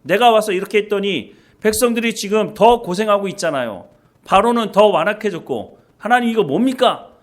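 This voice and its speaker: A man's voice: high-pitched, lively intonation, brisk, pitched above the performer's own voice. A man voicing an exasperated male prophet who complains to God in pleading, indignant questions.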